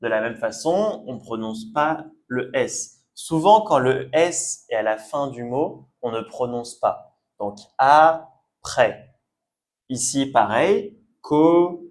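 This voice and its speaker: A man's voice: medium pitch, lively intonation, slow pace. A man teaching a French pronunciation lesson, patiently repeating each sound and checking that learners follow. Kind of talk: language lesson video.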